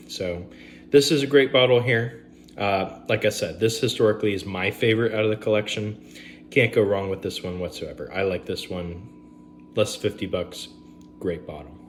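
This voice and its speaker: A man's voice: low-pitched, a little hiss or hum. A man, casually reviewing bourbons on camera at home, rambling with fillers and asides.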